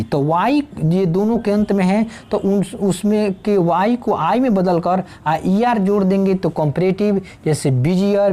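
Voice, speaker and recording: A woman teaching an English grammar lesson, explaining slowly, spelling out letters and pausing with fillers. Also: medium pitch, warm tone.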